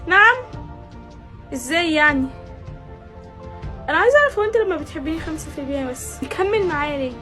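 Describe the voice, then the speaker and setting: A woman's voice: high-pitched, very fast, few pauses, faint music behind, natural voice. A woman playing a naive, lovestruck young woman with an Egyptian accent, who talks dramatically. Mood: dramatic. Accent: Egyptian Arabic.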